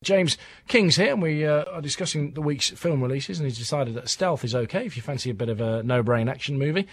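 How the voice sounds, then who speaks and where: A male radio host talks fast with a slightly husky voice, keeping the chat brisk and teasing. His studio sound is close and dry. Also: on the high side, expressive, no echo. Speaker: radio presenter.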